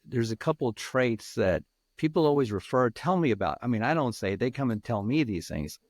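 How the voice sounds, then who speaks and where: An older man, past fifty, answers interview questions in his role as a peer mentor. He speaks earnestly but haltingly, restarting often, with a medium pitch and lively intonation. There's no room sound.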